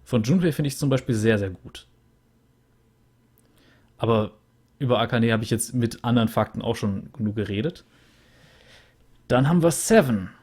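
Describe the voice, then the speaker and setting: Recording at home on a USB studio microphone, a young let's play host wraps up a game with easygoing, meandering chatter and plenty of fillers. His voice is medium-pitched and a little mellow, at a moderate pace with long pauses.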